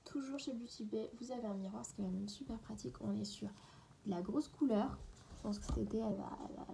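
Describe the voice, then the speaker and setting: A woman's voice: a little high, fast, creaky, dark tone, slight background noise. A woman in a casual, unedited beauty haul, chatting away and often dropping into a half-whisper. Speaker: beauty vlogger.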